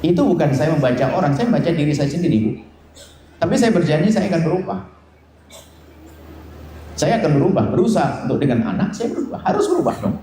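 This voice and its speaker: Male preacher, playful sermon, booming echo, faint room ambience. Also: lively intonation, fast talker, pauses often, warm tone, a little hiss or hum. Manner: playful, jokes and mimics nagging wives and husbands in high voices. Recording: very echoey hall with faint ambience.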